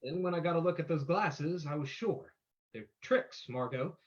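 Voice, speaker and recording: A man's voice: on the high side, moderate pace, lo-fi sound, lightly acted. An actor playing a suave, menacing male vigilante detective in an old-time radio drama, with a theatrical, explanatory manner. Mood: confident, explaining.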